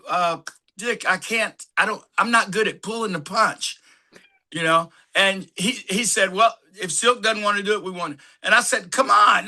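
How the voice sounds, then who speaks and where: Bright, high-voiced man telling stories. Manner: animated anecdotes, acts out quotes, laughs often. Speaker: actor guest. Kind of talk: casual storytelling.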